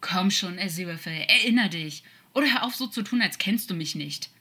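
A woman's voice: deep voice, monotone, moderate pace, sharp tone, breathy edge, heavily acted. Crawley, a woman voicing a hissing, hurt male demon. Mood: pleading. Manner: hissing, pleading, forced joking. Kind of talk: audiobook fan-fiction reading.

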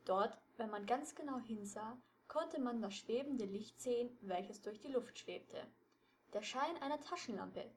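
A woman reading a detective story aloud with steady storytelling narration. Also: fairly high pitch, a little slow, few pauses, slight background noise.

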